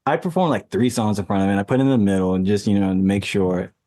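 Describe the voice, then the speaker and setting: A man's voice: on the low side, fast talker, dark tone, dry recording, studio quality. A man, a hip hop artist, chatting casually as a podcast guest, informal and repeating words for emphasis.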